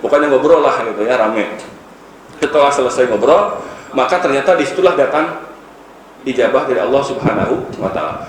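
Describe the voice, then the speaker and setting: A man's voice: mid-range voice, lively intonation, brisk. A man preaching an informal sermon in a mosque. He tells a story with jokes, acts out its dialogue, and keeps addressing his listeners directly. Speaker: Islamic preacher. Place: mosque, after dawn prayer. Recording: roomy mosque echo with faint noise.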